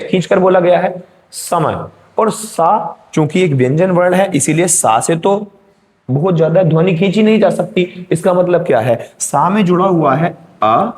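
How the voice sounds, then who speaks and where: A man's voice: on the high side, darkish tone. A male teacher giving an exam-prep grammar lesson, explaining step by step and checking in with his students.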